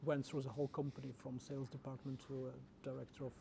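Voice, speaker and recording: The speaker, an orchestra's general manager raised in the Czech Republic, responds to an interview haltingly with many repeated words. His medium-pitched voice is monotone with vocal fry, recorded over background noise.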